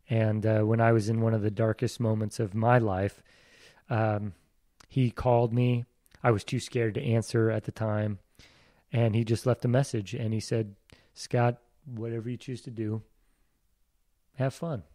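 A man from Iowa, an actor, talking as a podcast guest in a reflective, self-deprecating way with halting restarts. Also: on the low side, warm tone, no room sound, clean studio sound. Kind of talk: casual interview talk.

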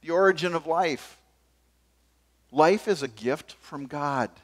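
A man's voice: on the high side, slow. Emphatic older male preacher at pulpit. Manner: emphatic, gesturing preacher with sudden drops to quiet. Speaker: pastor. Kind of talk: sermon. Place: church stage behind a wooden pulpit.

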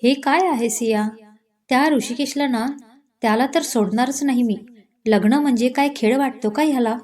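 Woman reading as a bold chatty young girlfriend, teasing and fiery, storybook, kinda high voice. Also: normal speed, darkish tone, natural voice. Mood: angry. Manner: playful then indignant.

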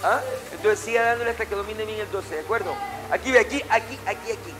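This middle-aged man talks fast in a high voice. As a martial arts instructor, he barks short, repeated orders and corrections at a class, calling drills in an indoor gym with mats on the floor.

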